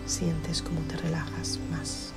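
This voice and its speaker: A woman narrating a guided sleep meditation in a soothing, measured way, in short phrases with long pauses. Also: low-pitched, completely flat delivery, creaky. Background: music behind the voice.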